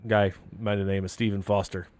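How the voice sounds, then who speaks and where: A man's voice: lowish voice, flat delivery, brisk, darkish tone, no echo. A man in his thirties hosting a podcast, reading history facts between crude jokes. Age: 30s. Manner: crude, joking, laughs often. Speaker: podcast host.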